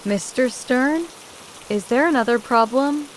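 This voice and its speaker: A woman voicing a calm, formal police dispatcher asking questions. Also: high voice, a little slow, a little hiss or hum, pitched above the performer's own voice.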